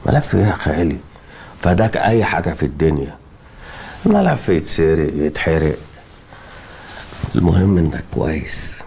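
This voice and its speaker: An actor playing a young, worried nephew and junior officer with an Egyptian accent, pleading and exasperated. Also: male voice, very deep voice, expressive, normal speed, creaky, pauses often, darkish tone, a little hiss or hum, full character voice. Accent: Egyptian Arabic.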